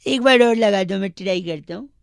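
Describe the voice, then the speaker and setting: A man making prank phone calls in a high boyish put-on voice, rattling off mock-serious nonsense and giggling. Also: a little fast, vocal fry, a little hiss or hum. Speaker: radio prank caller.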